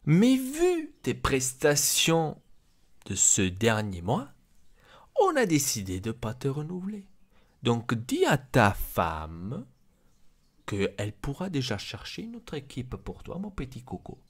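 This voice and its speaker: A man's voice: mid-range voice, wildly swooping pitch, slow, heavily acted. A man voicing a blunt, crude male football club boss who scolds his players, in an Italian accent. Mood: scolding.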